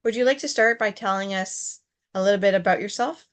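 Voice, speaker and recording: A woman's voice: medium pitch, fairly quick. A woman hosting an interview, asking brief, polite questions. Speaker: interview host. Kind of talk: casual interview chat.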